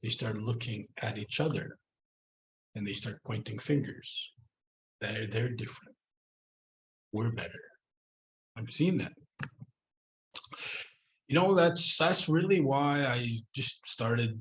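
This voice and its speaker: A man's voice: mid-range voice, fairly bright tone, slight background noise. Man, Northern Cree accent, online talk, easygoing storytelling, video call mic. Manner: conversational, drawn-out storytelling with repeated "you know". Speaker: presenter. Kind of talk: online cultural presentation.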